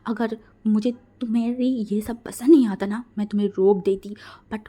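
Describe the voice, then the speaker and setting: A woman voicing a jealous, hot-tempered young man in a romance story, who makes loud, angry threats. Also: medium pitch, fairly even intonation, normal speed, breathy edge, lightly acted. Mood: furious.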